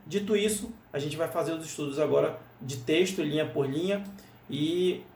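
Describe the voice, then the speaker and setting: Speaking in a fairly high register with vocal fry, this Brazilian man gives a screen-share English lesson in a Brazilian Portuguese accent. He is patient, repeats points, and tosses in "né?" constantly. The audio is roomy, with a somewhat distant mic and a little background noise.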